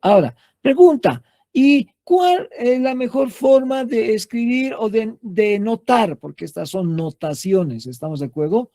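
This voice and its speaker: A man's voice: high voice, animated, measured pace, dark tone, no echo, clean studio sound. A man teaching a math lesson, explaining step by step with patient repetition and checking understanding after almost every phrase. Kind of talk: classroom lecture.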